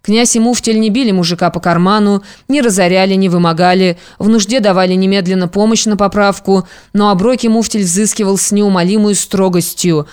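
An audiobook narrator reading a classic novel in an even, measured storytelling manner. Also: medium pitch, smooth.

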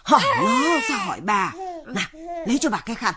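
An actress playing a gruff, fussy old grandmother who scolds curtly in a radio drama. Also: medium pitch, big pitch swings, fairly quick, over a noisy crowd, lightly acted. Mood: snappish. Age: older. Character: gruff old woman, sharp-tongued grandmother.

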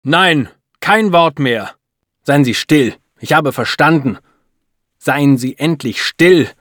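A man's voice: on the high side, animated, takes it slowly, no room sound, clean studio sound, pitched above the performer's own voice. Man playing an enraged jealous husband. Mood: furious. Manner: shouting, bitter and sarcastic.

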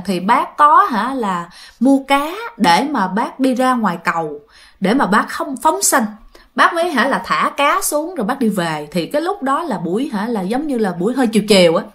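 A woman with a Southern Vietnamese accent tells a ghost story in casual conversation, frequently speaking directly to her listeners and acting out the quoted lines. Her voice is fairly high and a bit bright.

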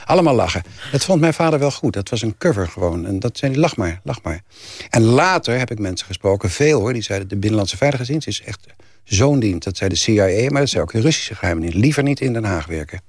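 An older man tells family stories in a radio studio, his voice low and dry. He grows lively, rising and getting louder as each anecdote builds. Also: fast, no room sound. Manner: animated storyteller, rises when telling family anecdotes. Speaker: author guest. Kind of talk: radio interview, anecdotal storytelling.

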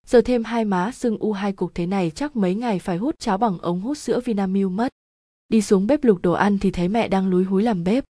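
A woman narrating a first-person story in a lively, chatty storytelling manner. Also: mid-range voice, no echo, studio quality.

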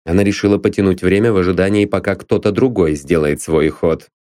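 A man reading an audiobook aloud as narrator, with an expressive, dramatic delivery. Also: sits low, a little fast, dry recording, clean studio sound.

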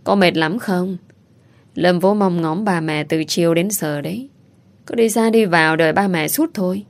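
A woman's voice: fairly low pitch, normal speed, no echo, natural voice. A woman voicing a cheerful, kindly middle-aged housemaid who talks in a chatty way.

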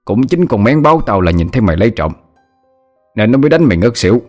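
A man's voice: medium pitch, big pitch swings, quick pace, soft background music. A man voicing an angry wealthy master of the house who interrogates harshly. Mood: furious.

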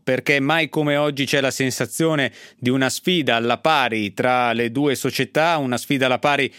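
A man's voice: on the high side, fairly bright tone, no room sound. A man hosting a sports radio show, presenting to listeners and putting questions to guests.

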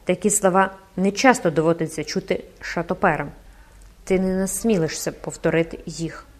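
A cocky young officer with a loud, brash delivery and a quick temper, as a woman reader puts him on. He swaggers through every line of this storybook audiobook. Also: fairly low pitch, steady tone, close to an everyday voice. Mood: furious. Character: proud hot-tempered young male cavalry captain.

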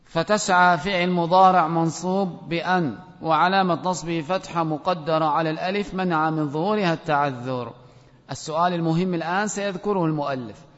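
A man's voice: on the high side, brisk, a bit bright, in a large hall, dull audio. A man teaching an Arabic grammar class, asking questions and calling on students by name.

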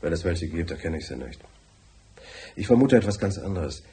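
Voicing a tight-fisted, rich businessman client for radio drama, this deep-voiced man sounds brusque, curt, formal and bossy. He is very animated at a normal pace, with a warm tone and a terse, confiding mood.

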